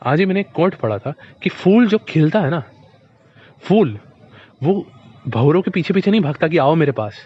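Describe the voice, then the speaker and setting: Guy doing a motivational talk, talks straight to you like a buddy, repeats stuff, voice sits kinda high, muffled lo-fi recording. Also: expressive, moderate pace, slightly rough. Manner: direct, repeats points, addresses the listener as a friend. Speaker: motivational speaker. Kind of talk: casual advice monologue. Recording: dull lo-fi recording.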